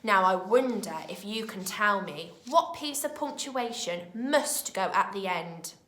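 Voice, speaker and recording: She's a British woman teaching young children through a pre-recorded remote lesson, pacing her words slowly with clarity and expression. The audio carries reverb, and her pitch is medium.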